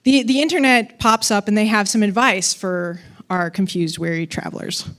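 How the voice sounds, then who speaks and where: A woman's voice: mid-range voice, fairly even intonation, normal speed, fairly bright tone. A woman giving a conference talk on coding, casual and playful, with fillers and asides. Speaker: conference speaker.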